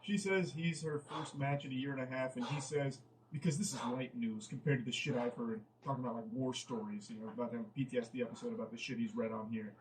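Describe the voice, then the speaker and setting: A man's voice: medium pitch, fairly even intonation, quick pace, hardly any pauses, distant mic, noisy background. A man giving comedic commentary on a dating app chat he reads out. He sounds incredulous and exasperated and swears freely.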